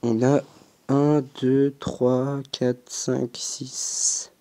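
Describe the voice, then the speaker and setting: A young man giving casual, hesitant commentary as he plays a football game, thinking aloud with frequent pauses and fillers. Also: mid-range voice, flat delivery, dark tone. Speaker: gaming YouTuber.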